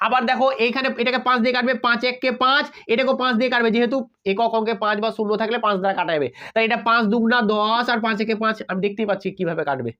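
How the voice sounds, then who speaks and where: Male math teacher, brisk and chatty with students, slightly muffled lo-fi recording. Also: very high-pitched, pushed and bright, smooth. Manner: talks straight to students, asking "got it?" often. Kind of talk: casual online math lesson. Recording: slightly dull lo-fi audio.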